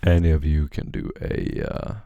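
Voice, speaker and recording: A man's voice: very deep voice, little pitch movement, moderate pace, no room sound, narrow, tinny audio. A man running a tabletop role-playing game as game master, talking casually and calling for rolls.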